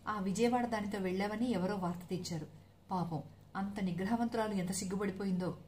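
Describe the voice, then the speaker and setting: A woman's voice: mid-range voice, a little fast, darkish tone, a little hiss or hum, lightly acted. A woman voicing a frank, affectionate sister-in-law who chides him familiarly in a story reading. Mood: chiding. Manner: chiding, familiar.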